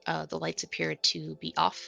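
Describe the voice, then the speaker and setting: A woman running a tabletop game as game master, narrating slowly and haltingly with many fillers. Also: deep voice, monotone, gravelly, bright, forceful tone.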